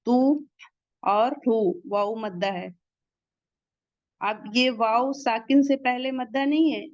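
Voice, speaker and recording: A woman teaching the rules of Quran recitation, slowly sounding out each word and then explaining how to pronounce it. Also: fairly high pitch, no room sound, highs cut off. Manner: slow, deliberate, drawn-out recitation of each word.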